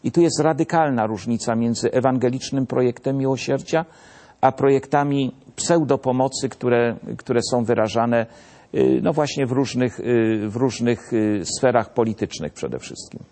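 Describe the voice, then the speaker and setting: A man speaking in a measured, emphatic tone, delivering religious commentary. He leans on repetition to drive each point home, with a steady mid-range voice. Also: mid-range voice. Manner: measured, emphatic, repeats key phrases.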